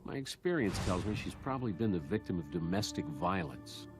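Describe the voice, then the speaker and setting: An actor playing a genial, chatty medical examiner in a video game, with dry humor about gruesome findings. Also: male voice, low-pitched, animated, a little fast. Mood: genial, wry. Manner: chatty, dryly humorous, matter-of-fact about gruesome details. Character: genial, wry male medical examiner in a morgue. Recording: game dialogue with clear music underneath.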